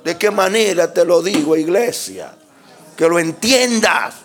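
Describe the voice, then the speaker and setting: Male preacher, sermon, high bright voice, slow dramatic delivery, shouts dropping to hushes. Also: expressive, faint music behind. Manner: dramatic, swings from shouts to hushed near-whispers.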